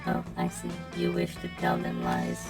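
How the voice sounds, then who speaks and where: A woman talking through a deep voice changer as a prim, inquisitive male robot, gravelly and low, his stiff and overly polite phrasing swinging widely in pitch. Loud guitar music plays steadily behind the voice changer's rumble. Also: wildly swooping pitch, moderate pace, heavily acted. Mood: reserved. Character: formal, curious male robot studying organic life. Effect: voice changer pitching the voice far down. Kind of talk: reading game dialogue aloud with a friend.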